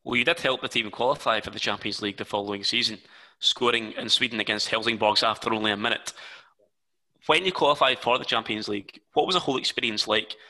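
A man's voice: on the low side, quick pace, bright, forceful tone, low-quality recording. A man interviewing a guest, asking long questions with detailed setups.

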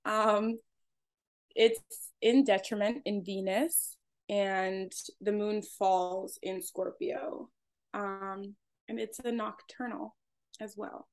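A woman's voice: mid-range voice, slow pace. A young adult woman co-hosting a podcast, sharing thoughts in a casual, hesitant way as she searches for words. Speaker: podcast co-host. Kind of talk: casual reflective chat.

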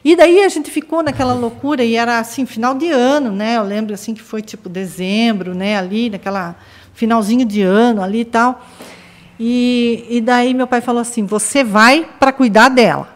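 A woman from Brazil, a podcast guest, telling a family story in a lively way and acting out her relatives' lines. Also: on the high side, normal speed. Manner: lively, acts out family members' quoted lines. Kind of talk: casual storytelling in conversation.

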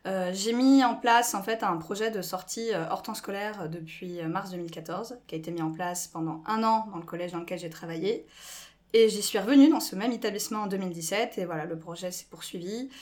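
A woman in her twenties from France, a podcast guest who talks in a lively way with many fillers and gestures a lot. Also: mid-range voice, a little fast. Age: 20s. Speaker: guest, school staff member. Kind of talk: casual podcast interview.

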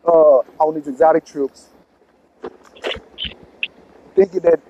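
A man with a somewhat high-pitched voice talks casually and bluntly. He uses profane street slang and circles back over his own phrases. The recording is slightly dull and lo-fi. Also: steady tone, slow pace, mellow, a little hiss or hum. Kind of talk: casual conversation.

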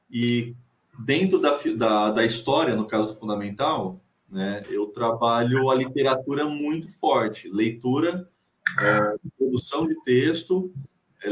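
Brazilian teacher guy, mid-pitched voice, lots of hesitations, echoey room. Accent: Brazilian Portuguese. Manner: hesitant, many fillers and restarts. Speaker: writer and teacher, interview guest. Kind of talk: casual interview answer.

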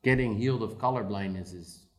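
A man's voice: fairly low pitch, fairly quick. A man, a missionary, in a casual conversation, telling stories and acting out the people in them, often saying "you know". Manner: storyteller, acts out the people in his stories, frequent "you know".

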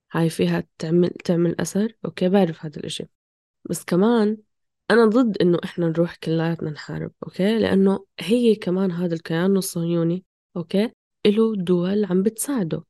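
Woman chatting super fast, lowish soft-toned voice, passionate, questioning herself in broken bursts. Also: dry recording, clean studio sound. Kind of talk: casual, impassioned conversation.

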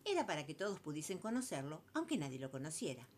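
A woman reads a children's tale in a playful, sing-song manner with a Rioplatense Argentine accent. Her voice sits on the low side yet moves widely and lively. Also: fast, slight background noise. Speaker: storyteller. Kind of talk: children's story reading.

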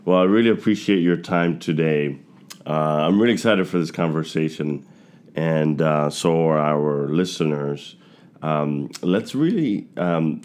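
A young man from Queens, hosting a podcast interview, reading a scripted intro and then talking loosely with many fillers. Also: deep voice. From Queens, New York. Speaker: podcast host.

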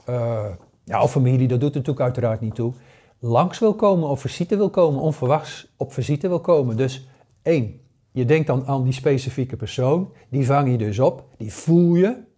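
A man in his sixties gives a casual spoken lesson. His voice is warm and mellow, and his talk is full of fillers, restarts and hesitations. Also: mid-range voice, lively intonation, moderate pace, slightly rough. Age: 60s. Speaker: paranormal course teacher.

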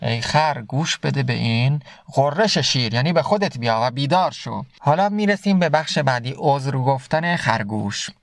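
A man teaching classical poetry. He recites verses slowly, then explains the words in plain talk. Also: medium pitch, animated, no room sound, studio quality.

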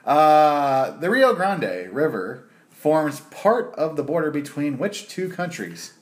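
A man's voice: a little high, very animated, takes it slowly. A man co-hosting a casual trivia board game, joking and laughing often. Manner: jokey, laughs often, slips into put-on accents.

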